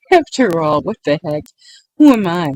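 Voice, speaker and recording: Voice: mid-range voice, big pitch swings, measured pace, dry recording, rough recording. A YouTuber giving a casual late-night monologue meant to help people sleep, rambling with frequent restarts and often breaking into giggles.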